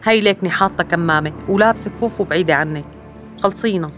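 A woman playing a calm, firm caregiver reassuring a sick relative. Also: on the low side, fast, faint music behind, close to an everyday voice. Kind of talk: domestic drama acting.

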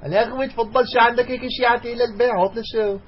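Brief: man as a rapid, high-voiced scrap dealer, pushy haggler, lo-fi recording. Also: fairly even intonation. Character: fast-talking young scrap buyer, pushy dealer. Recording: dull lo-fi sound.

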